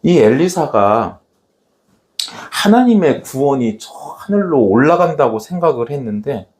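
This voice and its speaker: A man's voice: medium pitch, big pitch swings, a little slow, a little mellow. A man preaching a sermon in a church, acting out the scripture scenes dramatically as he tells them. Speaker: pastor.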